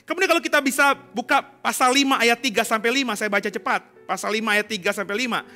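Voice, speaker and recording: A man preaching a sermon as pastor, speaking plainly and putting rhetorical questions to his congregation, swinging between emphatic and hushed delivery. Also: extremely high pitch, fast talker, faint music behind. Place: church congregation.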